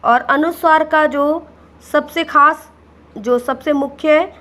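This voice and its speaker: A woman's voice: high-pitched, slow, bright, forceful tone. A woman teacher giving a patient grammar lesson, repeating each word and addressing the children directly. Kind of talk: slow classroom explanation.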